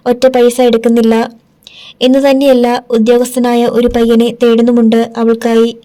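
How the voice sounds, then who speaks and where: A woman's voice: fairly high pitch, monotone, normal speed, mellow, close to an everyday voice. A woman voicing a worried middle-aged mother who pleads with her daughter. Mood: explaining.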